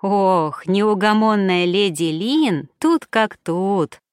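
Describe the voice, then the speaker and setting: A fussing, motherly older woman who cooks in a noble kitchen in a storybook, as a woman narrator puts her on. She chides slowly and warmly insists. Her voice sits mid-pitched and the sound is dry. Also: lively intonation, smooth, no echo.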